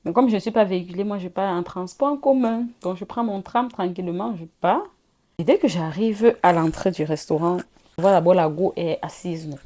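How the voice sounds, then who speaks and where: A woman, telling a personal story in a lively, chatty way and often laughing and speaking straight to her viewers. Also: on the low side, brisk. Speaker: vlogger. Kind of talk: casual storytime chat.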